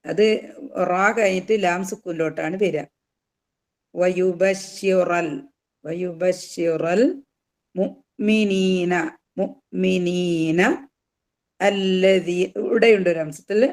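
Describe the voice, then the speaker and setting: A teacher giving a tajweed lesson, explaining each rule and then sounding out the words slowly to drill them. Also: medium pitch. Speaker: Quran teacher.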